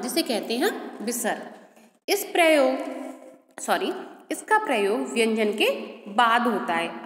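A woman teacher with a high voice explains a grammar lesson, putting questions to her class and then answering them herself. Her voice rings in an echoey room with a long reverb tail. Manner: corrects slips aloud.

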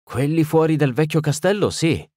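A bearded nobleman with a dry, faintly ironic calm, as a male narrator puts him on. His voice sits higher than the reader's own, measured and unhurried. Close, dry recording. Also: no echo. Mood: matter-of-fact.

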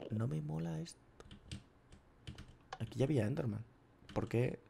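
A man's voice: mid-range voice, normal speed, creaky, dark tone, a little hiss or hum. A man with a Spain Spanish accent giving casual gameplay commentary. He swears often and breaks into sudden yelps. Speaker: gaming youtuber.

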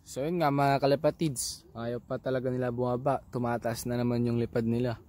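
A man with a Filipino accent, talking casually outdoors beside his pigeon loft in a relaxed, rambling vlog with many restarts. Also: medium pitch, fairly quick, noisy background.

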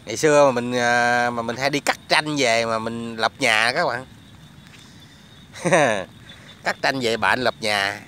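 Guy vlogging on his phone outside in the rain, bright voice, chatty, frogs croaking faintly behind. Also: medium pitch, slow pace. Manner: chatty, addresses viewers constantly. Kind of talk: casual outdoor vlog commentary. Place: outdoors in rain at a quiet resettlement area. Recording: light rain and frog noise outdoors.

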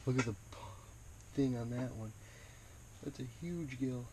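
Male fishing vlogger, mid pitch, low-key muttered commentary outdoors on the ice, noisy wind behind. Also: measured pace. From Wisconsin. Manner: quiet muttered commentary, excited bursts. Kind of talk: casual narration while fishing. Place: outdoors on a frozen lake.

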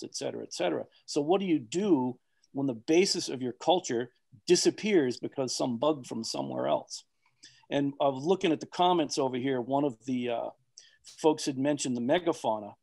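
A man's voice: medium pitch, vocal fry, darkish tone. A man speaking on an online expert panel over a video call, rambling with many fillers and restarts.

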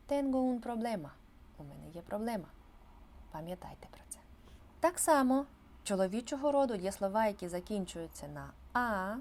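A woman teacher explaining grammar in an online language lesson, stressing key words with lively emphasis. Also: medium pitch, slight background noise. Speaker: Spanish teacher.

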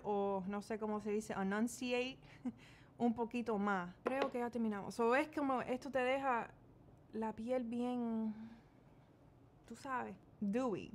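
There's a bit of background noise as this woman in her twenties, a Cuban-American beauty vlogger from Miami, gives a casual makeup tutorial in her small bedroom. Her Spanish is peppered with English words, and her voice is a little high.

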